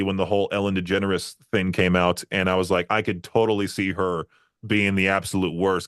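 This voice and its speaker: Deep-voiced yet fairly bright in tone, this podcast host tells long, loosely wandering stories during a casual interview chat, with plenty of fillers and laughter. The studio sound is clean and dry.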